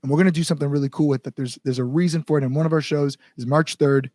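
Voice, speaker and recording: Being interviewed about his band as its front-man, this American talks earnestly and informally, with some mild swearing. His fairly high, mellow voice comes rapid-fire in a steady tone, in a dry, studio-quality recording.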